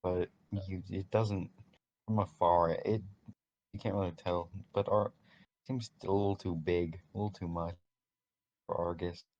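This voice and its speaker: Deep-voiced man running a tabletop game. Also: fairly even intonation, a little mellow. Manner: laid-back, halting narration with restarts. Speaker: game master. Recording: dull lo-fi mic with faint hiss.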